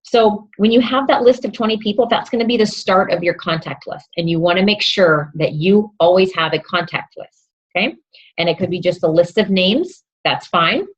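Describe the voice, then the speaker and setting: A woman's voice: fairly low pitch, moderate pace, slightly rough, lo-fi sound. A woman fitness coach giving upbeat, encouraging advice to new coaches, often checking in with her listeners. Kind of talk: instructional talk to new coaches.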